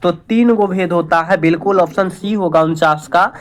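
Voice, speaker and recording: A man's voice: high-pitched, moderate pace. A man with a Bihari accent running an exam revision lesson, repeating each question and coaxing his students along as a teacher.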